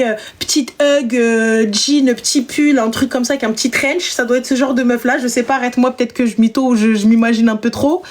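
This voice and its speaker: A young woman hosting a casual live stream, chatting with callers in a slangy, teasing, big-sister way. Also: on the high side. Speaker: live stream host giving advice.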